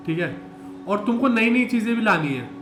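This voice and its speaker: A man who is a stand-up comedian, explaining things in a relaxed, matter-of-fact way in a casual podcast chat. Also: sits high, normal speed, faint music behind. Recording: echoey room.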